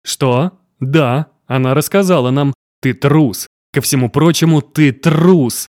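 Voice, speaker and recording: A man's voice: medium pitch, moderate pace, darkish tone, no echo, clean studio sound, lightly acted. Stern middle-aged father, commanding and contemptuous, read by a man in a plain mid voice. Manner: harsh, commanding, scolding.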